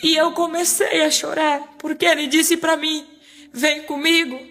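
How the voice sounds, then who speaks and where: A woman with a high, bright voice telling a tearful testimony in church, her speech emotional and pleading. Soft music plays faintly behind her. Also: flat delivery, moderate pace. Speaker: preacher giving testimony.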